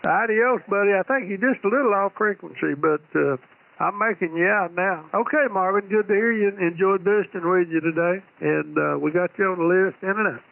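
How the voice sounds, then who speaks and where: A man's voice: high voice, brisk, creaky. A man running an amateur radio net over single sideband, chatting and taking check-ins in a casual, folksy, informal way. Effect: single sideband radio transmission. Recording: tinny narrowband radio signal, faint static.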